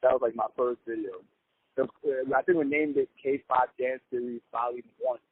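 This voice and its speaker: A man's voice: medium pitch, fairly even intonation, moderate pace, husky, no echo. A young man from Ghana, a comedian, chatting easily in a casual interview over the phone. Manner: easygoing, upbeat, chatty with fillers. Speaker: comedian guest. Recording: tinny phone-line sound.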